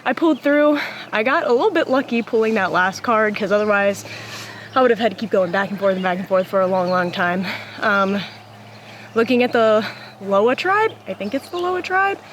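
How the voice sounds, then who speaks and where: A woman's voice: medium pitch, animated, moderate pace. Young woman contestant, out of breath, rambling confessional outdoors, noisy background. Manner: casual, rambling, filler-heavy. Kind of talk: confessional interview.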